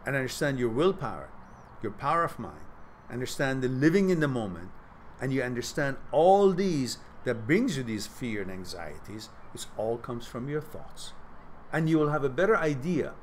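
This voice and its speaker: A man's voice: mid-range voice, very animated, normal speed, a little hiss or hum. A middle-aged man hosting a live question-and-answer stream, giving reflective advice and reading out viewers' messages. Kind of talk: casual live advice talk.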